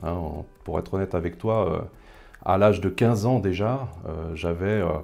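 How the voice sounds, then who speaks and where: A man in his thirties from the Paris suburbs in France speaks casually as an interview guest. His voice sits low and is creaky with a darkish tone, at normal speed. He comes across as thoughtful, hesitating often and using frequent fillers.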